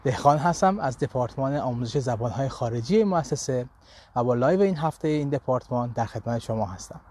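A man's voice: medium pitch, lively intonation, a little mellow. A man teaching a live online language lesson, with a Persian accent in his English, talking animatedly and checking in with his students often.

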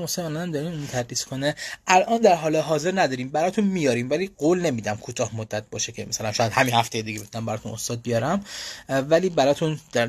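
A man hosting a casual live question-and-answer stream for language learners, talking loosely with frequent fillers and restarts. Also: medium pitch. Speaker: language school host answering viewer questions. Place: lives in Europe.

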